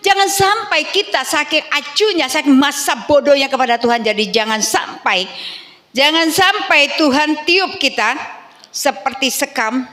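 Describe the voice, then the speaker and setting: A woman's voice: high-pitched, a bit bright. A woman pastor preaching a sermon in a church, exhorting her congregation with rhetorical questions and frequent tag words. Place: church hall. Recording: long hall reverb.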